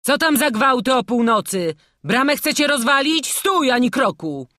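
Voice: sits high, very animated, moderate pace, no echo, clean studio sound, pitched above the performer's own voice, exaggerated voice. A narrator putting on a barking watch captain. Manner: loud, barking orders. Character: gruff shouting town watch captain.

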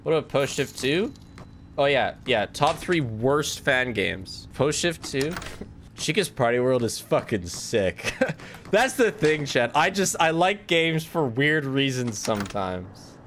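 Lively joking male game streamer. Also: medium pitch, takes it slowly, slight background noise. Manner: joking, laughs often, talks to chat. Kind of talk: casual gameplay commentary.

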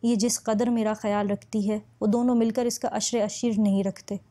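Fussing, fond storybook mother as a woman reads her, mellow voice. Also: mid-range voice, level tone, normal speed, lightly acted. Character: affectionate middle-aged mother. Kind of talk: audiobook reading.

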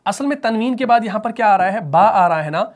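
A man with a Pakistani Urdu accent teaching a tajweed lesson, patiently explaining and asking and answering his own questions, with slow chanted recitation of verses. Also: high-pitched, expressive, slight background noise.

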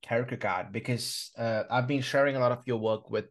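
A man's voice: mid-range voice, fairly quick. Hesitant male podcast host. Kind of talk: podcast interview.

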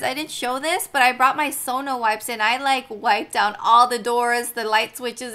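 Bright-voiced chatty young woman vlogger. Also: fairly high pitch. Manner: chatty, upbeat, laughs often. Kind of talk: casual voice-over narration.

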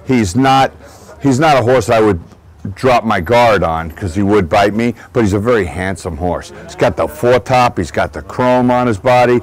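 A man's voice: lowish voice, moderate pace, low-quality recording. Chatty man from Long Island. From Long Island, New York. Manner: chatty, digressive, restarts sentences often. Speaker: racehorse trainer. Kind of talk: guided barn tour. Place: outdoor horse barn shed row.

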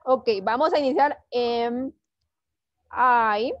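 A woman leads an online English lesson with a high, bright voice, patient and coaxing as she mixes Spanish with English. The sound is dry and a little dull. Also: slow pace, dry recording. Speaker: English teacher. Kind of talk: online class teaching.

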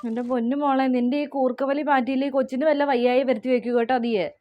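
A woman's voice: high-pitched, steady tone, fast, highs cut off, slight background noise, natural voice. A woman playing a fussy, scolding middle-aged mother-in-law in a comedy sketch, nagging in exclamations.

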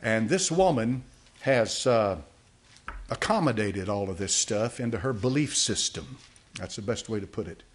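A man's voice: on the low side, animated, moderate pace. An older man preaching a sermon from a church podium, reading aloud and commenting with many fillers and restarts. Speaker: pastor. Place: church sanctuary. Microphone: podium mic.

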